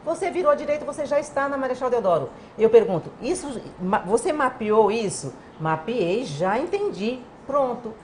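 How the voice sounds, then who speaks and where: Woman, interview guest, animated explainer, acts out quotes, faint noise behind. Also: a little high, moderate pace, few pauses. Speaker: guest communication expert.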